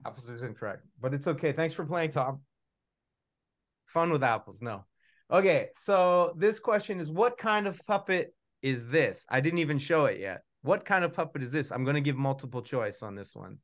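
Speaking at a normal pace in a fairly high, animated voice, the middle-aged host, who is also a puppeteer and author, runs an online event casually from a room at home via video call.

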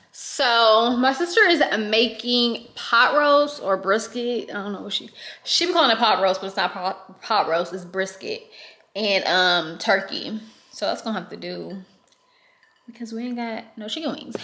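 A woman's voice: a little high, takes it slowly, long pauses, bright, forceful tone, echoey room. A young woman chatting casually in a vlog at home, talking to her phone, slangy, laughing and dramatic. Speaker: vlogger. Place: at home, indoors.

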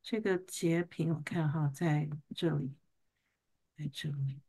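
A woman teaching an online English reading class, patiently coaching students and drilling a word slowly over a video call. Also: sits low, darkish tone, breathy edge.

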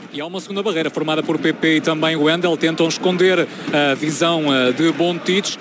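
A man with a European Portuguese accent describing football play as a radio co-commentator, sometimes pausing to find his words. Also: a little high, fairly even intonation. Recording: clear ambient noise behind the voice.

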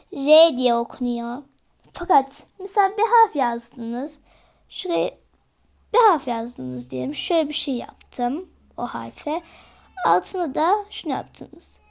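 A young woman with a high-pitched voice hosts a casual learning vlog. She talks to her viewers as friends, pausing on fillers as she works through each point. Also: a little mellow. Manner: chatty, often addresses viewers as friends, hesitant fillers. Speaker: vlogger teaching herself Korean.

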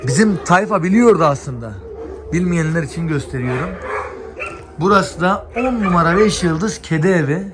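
A man's voice: a little high, animated, moderate pace. Chatty man walking through a dog shelter. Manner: chatty, addresses viewers directly, talks gently to dogs. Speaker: vlogger touring an animal shelter. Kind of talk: casual walk-and-talk vlog. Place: outdoor animal shelter. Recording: noisy outdoor phone video with dogs. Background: dogs barking.

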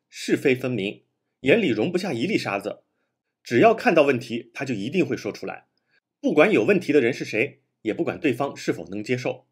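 A man's voice: medium pitch, husky. A man hosting a literary commentary show, laying his points out one by one. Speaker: host.

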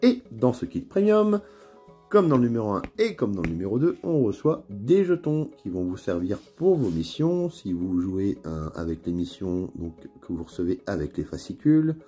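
A man's voice: on the low side, slightly rough. Easygoing man with a northern French accent. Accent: northern French (Ch'ti). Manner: relaxed, chatty, many fillers and pauses. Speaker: miniatures hobby YouTuber. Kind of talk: casual unboxing video. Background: faint background music.

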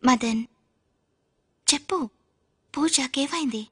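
A woman playing a gentle, concerned listener in a film drama who soothes a weeping man. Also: sits high, slow pace, no echo, studio quality. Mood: soothing. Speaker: a sympathetic listener addressed as madam. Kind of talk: Telugu film drama acting.

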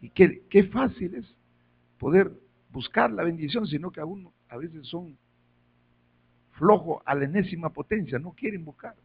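A man preaching a sermon, telling stories in quiet asides and rising to loud calls for praise. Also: a little high, lively intonation, moderate pace, slightly rough, dull audio. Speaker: pastor.

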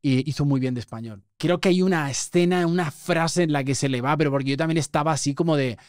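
A man's voice: fairly high pitch, fast, darkish tone, dry recording, clean studio sound. A man with a Spanish accent from Spain, hosting a podcast interview and telling stories in a joking manner. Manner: jokey storyteller, laughs often. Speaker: podcast host. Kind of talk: casual interview chat.

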